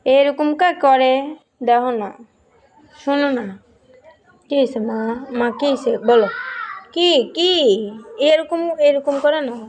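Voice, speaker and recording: A woman, softly pleading and coaxing her pet outdoors at night, repeating herself. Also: high-pitched, unhurried, long pauses. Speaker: pet owner.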